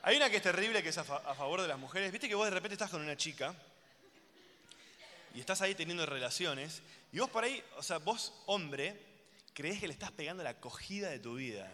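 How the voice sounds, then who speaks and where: Animated Rioplatense stand-up comedian. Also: male voice, a little high, a little fast. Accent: Rioplatense Spanish. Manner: animated, acts out crude voices, addresses the audience. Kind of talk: live stand-up routine. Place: stage in a hall before a live audience. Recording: reverberant hall with audience noise.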